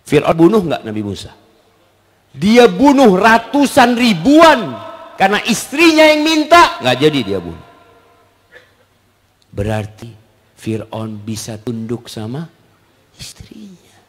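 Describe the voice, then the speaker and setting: Lively, animated male preacher. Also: mid-range voice. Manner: lively, acts out husband-and-wife exchanges; jokes with the audience. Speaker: preacher answering questions. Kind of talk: Islamic Q&A lecture.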